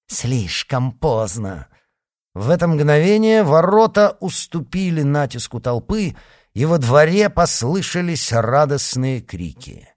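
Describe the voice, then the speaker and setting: A man narrating an audiobook in an expressive, dramatic way. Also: fairly high pitch, unhurried, dry recording, clean studio sound.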